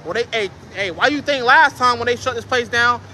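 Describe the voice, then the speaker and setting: A man preaching outdoors at a street camp, confrontational and profane, ending lines with "man" and "bro" and slowing down to read scripture aloud. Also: extremely high pitch, pushed and bright, a little hiss or hum. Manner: reads scripture aloud slowly.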